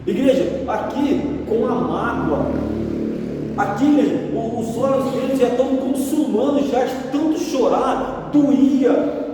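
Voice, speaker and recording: A man's voice: very high-pitched, unhurried, background noise. A man preaching a fervent sermon, often calling out to his congregation. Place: church hall. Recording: echoey church hall from far off.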